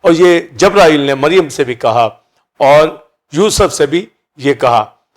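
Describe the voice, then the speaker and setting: Man preaching a sermon, slightly high voice. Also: expressive, slow. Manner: teaching, repeats synonyms for each key word. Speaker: pastor.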